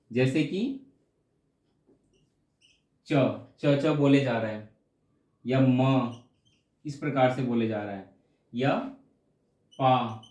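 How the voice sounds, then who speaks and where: A man's voice: medium pitch, darkish tone, reverberant. A male teacher giving an explanatory exam-prep lecture, going over each point again and checking in with his students. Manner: explanatory, repeats points with frequent check-ins.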